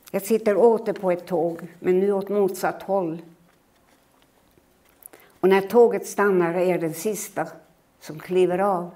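Mellow-voiced older woman telling her story. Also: lowish voice. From Finland. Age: 80s. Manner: measured, reflective storytelling that acts out her own remembered words. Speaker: lecturer. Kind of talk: personal storytelling lecture.

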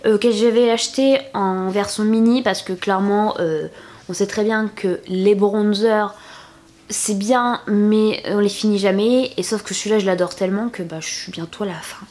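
A woman's voice: medium pitch, fairly even intonation, normal speed, darkish tone. Young woman, beauty vlogger, casual haul chat, filler-heavy, playful. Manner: chatty, many fillers and restarts, playful "tada" reveals.

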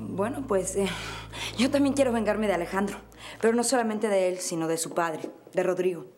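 A woman's voice: mid-range voice, a little fast, a little mellow, soft background music, close to an everyday voice. An actress playing a young woman who wants revenge and seeks an ally, speaking with hesitant determination in a telenovela scene. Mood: scheming. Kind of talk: telenovela acting.

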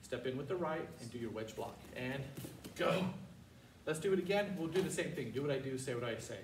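A man's voice: medium pitch, expressive, brisk. An older man teaching a karate class, calling out short, commanding cues for students to repeat. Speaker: martial arts instructor. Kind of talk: karate lesson with call-and-response drills. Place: large martial arts studio, indoors. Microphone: far camera. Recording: roomy, distant mic with faint noise.

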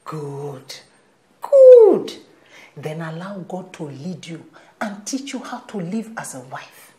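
A middle-aged Nigerian mother, devout and preachy. Her pitch sits a little low but moves widely as she scolds. It's a Nollywood film scene. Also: animated, measured pace. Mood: scolding. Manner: preachy, lecturing. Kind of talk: film acting.

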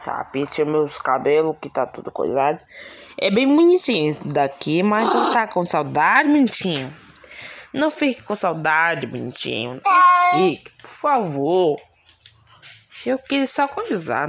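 A woman casually commenting while playing a virtual pet game, cooing and baby-talking to her pet. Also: lowish voice. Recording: steady background noise.

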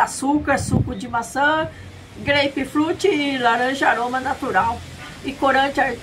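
A middle-aged woman with a Brazilian accent presenting a product tasting to camera in a chirpy manner, mixing in Japanese phrases. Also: a little high. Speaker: video channel host. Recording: noisy outdoor ambience.

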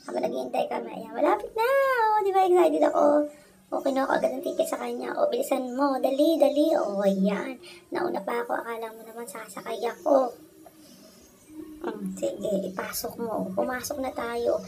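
A woman's voice: sits high, normal speed, over music, low-quality recording. A woman with a Filipino accent narrating a casual vlog outdoors in a park at night on a phone camera, teasing and playfully self-pitying. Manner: teasing, playfully self-pitying, shouts and sing-song at times. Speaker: vlogger. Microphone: handheld phone camera.

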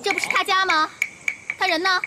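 An actress playing a sharp-tongued young woman scolding guards in a TV drama. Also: extremely high pitch, fairly even intonation, a little fast, very noisy. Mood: haughty. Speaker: granddaughter escorting the grandmother.

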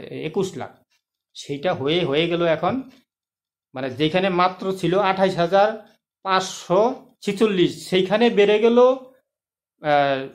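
A man giving a casual explanatory video talk on an online income plan. He is persuasive, calls the listener friend and keeps checking that they follow. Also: on the high side.

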